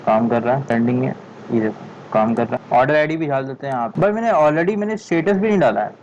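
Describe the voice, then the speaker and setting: A man teaching a coding tutorial at a slow, deliberate pace, thinking aloud and muttering to himself when stuck. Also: mid-range voice, animated, a little mellow, muffled recording, slight background noise. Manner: thinks aloud, frustrated muttering "yaar", frequent "theek hai"; speaks slowly on purpose. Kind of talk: screen-recorded coding tutorial.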